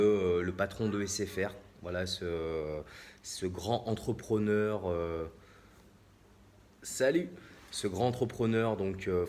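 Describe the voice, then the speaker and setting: A man's voice: sits low, a little hiss or hum. A man with a French accent explaining property investing on a casual live stream, with frequent hesitations and restarts. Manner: hesitant, many fillers and restarts. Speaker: real estate investor hosting a live stream.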